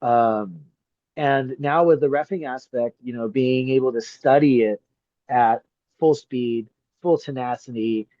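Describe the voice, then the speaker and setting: A middle-aged man, a grappling referee and coach, chatting as a podcast guest; he tells stories with lively energy, swears freely, and acts out the people he quotes. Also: mid-range voice, measured pace, no room sound. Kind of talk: casual chat. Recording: slightly muffled dry podcast audio.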